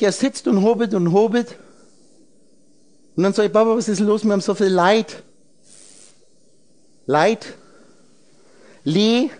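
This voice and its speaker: A man's voice: high-pitched, dark tone. A man lecturing a group on esoteric ideas, rambling as he breaks words into letters and numbers and puts questions straight to his listeners. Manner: talks directly to listeners with questions. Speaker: speaker addressing a group.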